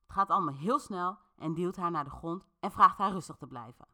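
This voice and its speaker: A woman hosting a podcast, narrating an interactive story in a relaxed, chatty way while talking straight to her listeners. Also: on the low side, a little fast.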